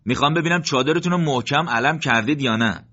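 A man's voice: mid-range voice, a bit bright, husky, voice pushed up. A man voicing a prank-loving male soldier who teases and orders his comrades about, on a dull lo-fi recording. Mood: teasing. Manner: teasing, bossy.

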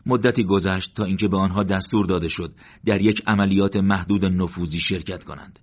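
A man narrating a war story in a steady, even reading style, on a dull lo-fi recording. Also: low-pitched. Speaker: audiobook narrator. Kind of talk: scripted narration.

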